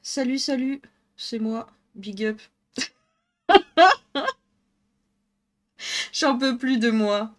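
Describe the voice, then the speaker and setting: A woman's voice: fairly high pitch, extremely slow, pauses often. A woman with a northern French accent streaming live, chatting casually and thinking aloud as she colours, laughing often. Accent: northern French (ch'ti).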